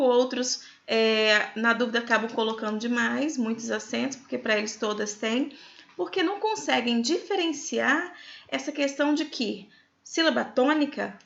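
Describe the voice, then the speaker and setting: A middle-aged Brazilian woman with a Brazilian Portuguese accent teaches writing, talking students through a lesson in a chatty way and often checking they follow. Her voice sits high, creaky and a bit bright. The room is echoey and the sound slightly dull.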